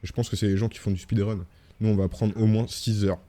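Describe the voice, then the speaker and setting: Mellow-voiced French gaming streamer. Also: male voice, on the low side, steady tone, fairly quick. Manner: chatty, reads game text aloud, jokes. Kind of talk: gaming livestream commentary.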